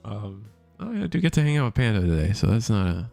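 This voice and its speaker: A man casting a card game tournament live, thinking out loud and correcting himself as he talks. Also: lowish voice, sing-song, fast talker, vocal fry, dry recording, faint music behind. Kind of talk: live play-by-play commentary.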